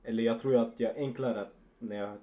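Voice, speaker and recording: A man's voice: medium pitch, steady tone, warm tone, a little hiss or hum. A man in a casual podcast chat, speaking candidly and reflectively about his feelings. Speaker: podcast co-host.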